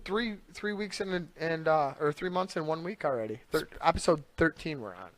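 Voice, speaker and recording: A man hosts a loose, chatty podcast, tripping over his words and circling back on himself as he talks. His voice sits a little high, and the recording is close and dry with no room sound. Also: animated, normal speed, no room sound. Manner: rambling, stumbles and repeats words. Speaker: podcast host. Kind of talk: casual chat.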